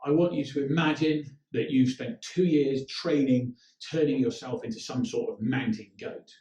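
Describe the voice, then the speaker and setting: A man's voice: mid-range voice, moderate pace, dark tone, recorded from a distance, dull audio. A man presenting a leadership training talk in a direct, instructive way. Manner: direct, instructive, with acted-out quotes. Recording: echoey room, mic some way off.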